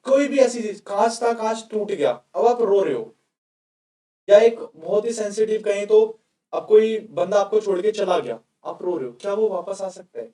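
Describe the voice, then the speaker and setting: ऊँची आवाज़ वाला सवाल पूछता शिक्षक. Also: male voice, high-pitched, expressive, normal speed, warm tone, echoey room, distant mic. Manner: chatty, keeps asking students questions. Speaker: exam coaching teacher. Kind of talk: classroom vocabulary lecture.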